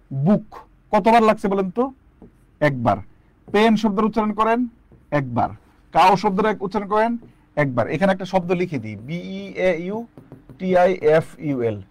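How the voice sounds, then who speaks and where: A man's voice: sits high, dry recording. A man teaching an online English lesson, asking students questions and drilling the answers back. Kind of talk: online lecture.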